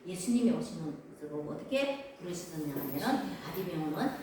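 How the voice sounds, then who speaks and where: A woman's voice: low voice, big pitch swings, fast, dark tone, distant mic, slight background noise. Woman preaching in an echoey hall. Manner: preaching with emphatic repetition and acted quotations. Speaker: pastor. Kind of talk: sermon.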